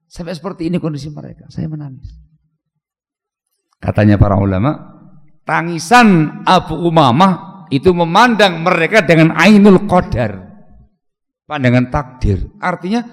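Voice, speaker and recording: Preacher man with lively swings, hall echo. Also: high-pitched. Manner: lively storytelling, swings between loud and hushed. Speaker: Islamic preacher. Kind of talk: sermon. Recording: long hall reverb.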